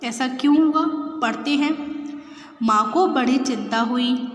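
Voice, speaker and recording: A woman teacher with a high voice reads a children's story aloud, stopping to repeat each line and ask the class simple questions. She talks slowly and patiently. The recording is roomy, with a long echo and faint background noise. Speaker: school teacher. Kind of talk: reading and explaining a textbook story to children.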